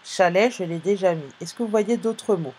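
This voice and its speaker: Slow, clear and patient, a woman with a mid-range, slightly mellow voice teaches a phonics lesson to young pupils in a live online session, spelling out sounds and letters.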